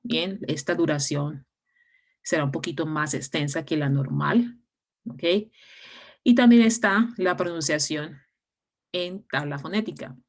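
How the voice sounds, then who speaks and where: Low-voiced woman teaching online. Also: expressive, measured pace. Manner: explains step by step with frequent fillers and restarts. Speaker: English teacher. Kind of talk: online class explanation.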